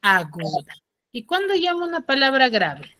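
A woman's voice: high-pitched, very animated, moderate pace, pushed and bright. A woman teaching an online class on a video call, drilling students with repeated questions.

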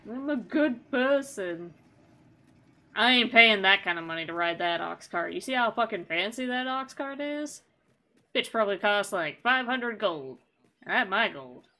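A woman's voice: mid-range voice, lively intonation, moderate pace, sharp tone. A woman streaming a video game, chatting casually with sarcastic, jokey asides. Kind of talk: casual gameplay chat.

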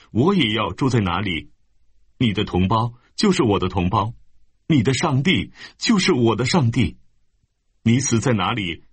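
Man reading as a resolute young widow, lifted higher than his own low voice, husky, earnest and pleading. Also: dry recording.

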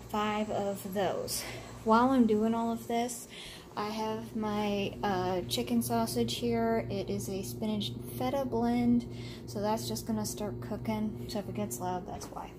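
A woman's voice: mid-range voice, background noise. A woman talking casually through a cooking vlog in her home kitchen, rambling with plenty of fillers. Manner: chatty, rambling, with frequent fillers. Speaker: vlogger.

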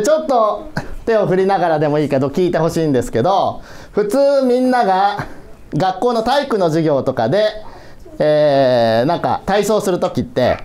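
Middle-aged male workshop leader, playful and coaxing, pitch ranging widely. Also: darkish tone. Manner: playful, coaxing, laughs often. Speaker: workshop instructor. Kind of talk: children's workshop instruction. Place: museum hall, indoors.

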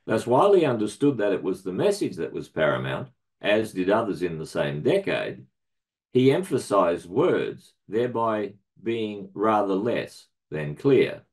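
A middle-aged man reading a prepared academic paper aloud in a measured, formal way, marking each citation with quote and end quote. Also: lowish voice, big pitch swings. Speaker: research centre director presenting a paper.

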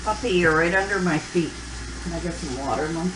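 A woman's voice: on the low side, fairly quick. A woman cooking in her home kitchen, chatting casually to herself as she chops vegetables. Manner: talks to herself while chopping vegetables. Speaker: cooking vlogger. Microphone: camera on the counter. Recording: echoey kitchen with loud background noise.

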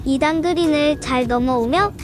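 High-pitched woman giving scripted golf commentary. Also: normal speed, music in the background. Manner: polite, formal reporting. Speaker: narrator of an amateur golf vlog. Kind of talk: scripted golf commentary voice-over, reporting shot by shot.

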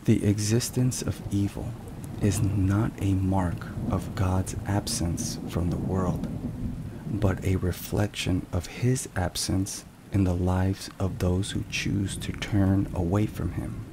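This is hushed, whispered ASMR: a man with a low voice slowly reads scripted devotional narration in a measured, deliberate way. The recording carries steady rain and thunderstorm sounds throughout.

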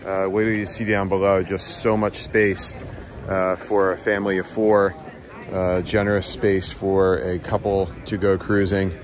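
A middle-aged yacht broker gives an enthusiastic, casual tour of a sailboat at a dockside boat show, moving between the deck outdoors and the cabin, and he uses plenty of fillers. His voice is low-pitched, with flat delivery and a measured pace. It's filmed on a handheld phone camera, and a crowd can be heard in the background.

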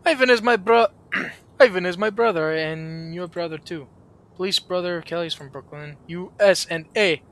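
A man's voice: high-pitched, big pitch swings, normal speed, pushed and bright, full character voice. A man voicing a chatty Russian man in a tracksuit who speaks cheerful broken English. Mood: boastful.

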